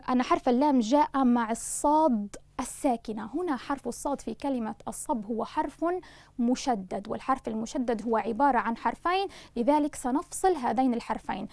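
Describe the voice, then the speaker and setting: A woman teacher giving a recorded grammar lesson, speaking slowly and deliberately and spelling out sounds for her students. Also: fairly high pitch, vocal fry, no room sound. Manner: slow, deliberate, spelling out syllables; addresses students warmly as loved ones. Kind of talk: online Arabic lesson.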